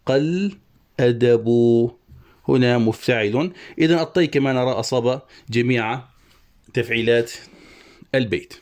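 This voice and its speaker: A man teaching an online lesson on poetic meter, methodically explaining the verse and slowly spelling out each syllable. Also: mid-range voice, steady tone. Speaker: Arabic prosody teacher.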